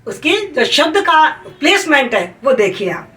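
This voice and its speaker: A woman teaching Hindi grammar for an exam, stressing the rules, repeating them and asking the class if it is clear. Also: high voice, very animated, measured pace, sharp tone. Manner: calls students "beta". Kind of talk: exam-prep lesson. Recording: roomy sound from a distance.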